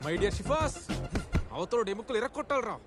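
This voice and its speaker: Animated, high-voiced brash boxing supporter, male. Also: fairly quick, over loud music. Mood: rousing. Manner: animated, bantering. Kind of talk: comic film dialogue.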